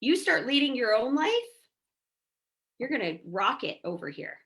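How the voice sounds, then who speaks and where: Female podcast guest, mindset coach; lively, talkative storyteller with a slightly high voice. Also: normal speed, vocal fry. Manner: chatty, animated storyteller, peppers speech with "like" and "right?". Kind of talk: casual podcast conversation.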